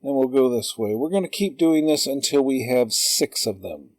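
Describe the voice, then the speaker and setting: A man calmly talking through a drawing tutorial step by step, in an unhurried voice-over. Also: mid-range voice, dry recording. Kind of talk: slow screen-recorded tutorial.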